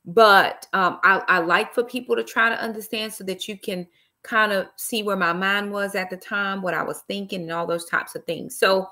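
Seated in an armchair in a small room, this middle-aged author chats on her laptop webcam during a casual live stream, sprinkling in "y'all" and praise. Her medium-pitched voice keeps fairly even intonation at a moderate pace, sounding pushed and bright.

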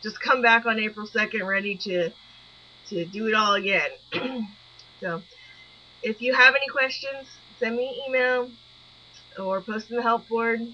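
A woman's voice: a little high, measured pace, long pauses. A woman college instructor giving an encouraging, chatty weekly class announcement, recorded on a poor-quality backup microphone. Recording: dull lo-fi backup mic with mains hum.

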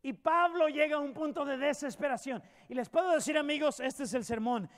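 A man preaching a sermon as a pastor, swinging from loud emphatic peaks to hushed storytelling. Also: very high-pitched, fairly quick. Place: church sanctuary.

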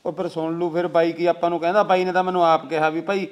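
A man playing a younger husband in a village family who talks loudly and insistently, with a Punjabi village accent. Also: a little high, little pitch movement, fast, clean tone, lightly acted. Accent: Punjabi village speech. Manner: loud, insistent, arguing.

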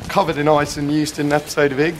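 Deadpan young Englishman giving a mock tour. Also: a little high, racing, long reverb tail, background noise. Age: young adult. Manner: deadpan, mock-grand boasting. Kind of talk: deadpan comic house tour. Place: old stone halls and courtyards, indoors and out.

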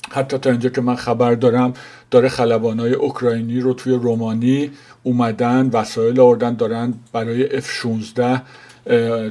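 Older Iranian man, flat halting news commentary. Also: mid-range voice. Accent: Iranian Persian. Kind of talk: informal news commentary to camera.

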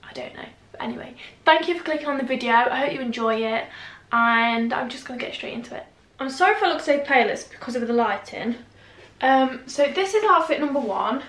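Young woman, bright higher voice, rambling fashion haul chat, echoey room. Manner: chatty, self-deprecating, rambling with fillers. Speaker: fashion vlogger. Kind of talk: casual try-on haul chat. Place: indoor room at home.

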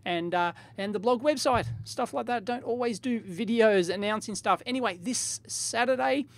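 Man, forties, Australian accent, upbeat giveaway announcement, animated, informal, unscripted vlogger delivery. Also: sits high, moderate pace, gravelly. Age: 40s. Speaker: video blogger and host. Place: small indoor home lab studio with foam panels. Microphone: desktop microphone in front of him.

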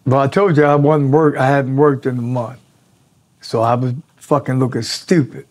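This interviewee, a man in his sixties, talks at normal speed in a mid-range voice. Sitting in an indoor studio in front of a draped backdrop, he tells casual, profane stories and animatedly voices the people he quotes.

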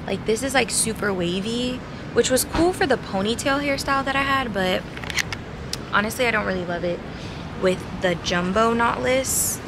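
A woman's voice: fairly high pitch, normal speed. A young woman in her twenties vlogging to a handheld camera outdoors at night, chatty and sassy, talking to her viewers. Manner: chatty, sassy, addresses viewers as y'all and babes. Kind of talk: casual vlog talk to camera. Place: outdoor city terrace at night. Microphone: handheld camera at arm's length. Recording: noisy outdoor city street.

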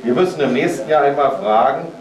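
Man reading as a steady, strict papa in a storybook, heard from a distance in a roomy hall. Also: mid-range voice, fairly quick, a crowd in the background, natural voice. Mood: stern. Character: calm, stern father of a small girl. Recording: roomy sound from far off.

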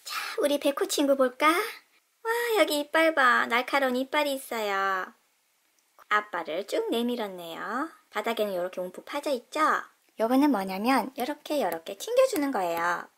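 A woman with a high, ringing voice narrates a toy unboxing for children. Her pitch swoops up and down in a sing-song way. She gushes with delighted exclamations while she patiently explains each step. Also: animated, normal speed, fairly bright tone. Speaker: toy unboxing channel host.

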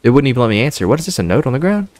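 A man's voice: medium pitch, sing-song, racing, darkish tone. A man streaming a horror game with scared, jittery reactions, repeating himself and speaking in profane, slangy commentary.

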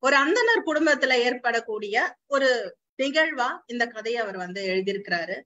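A woman with a high voice introduces a short story in a measured, reflective way. She speaks as a storyteller and coach sharing what she loves about it. The recording is slightly dull and lo-fi. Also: sing-song, pushed and bright. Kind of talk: retelling a short story for an online series.

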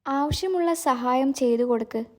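A woman voicing a level-headed young man giving his friend calm advice. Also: very high voice, normal speed. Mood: advising.

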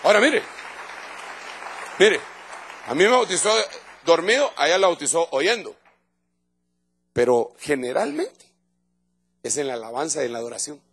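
A middle-aged Guatemalan pastor preaches to his congregation in an emphatic, conversational way, repeating phrases and restarting his sentences. His voice sits high for a man, with a gravelly, husky edge. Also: very animated, normal speed, pauses often, a bit bright, a faint crowd. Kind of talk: evangelical sermon. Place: church in front of a congregation.

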